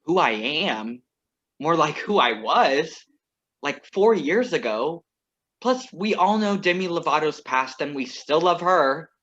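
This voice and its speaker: Heard through muffled, lo-fi video call audio, a young man gives a full character voice as a famous, restless young singer in a virtual staged reading. He sounds a little high, bright, and forceful, animated but slow-paced, with a wry, teasing delivery.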